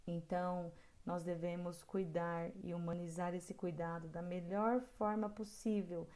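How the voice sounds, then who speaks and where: Her pitch is lowish and her tone level and somewhat dark as this middle-aged woman unhurriedly works through caregiver-course guidelines. She is earnest, hesitates frequently, slips in asides, and leans on the important points.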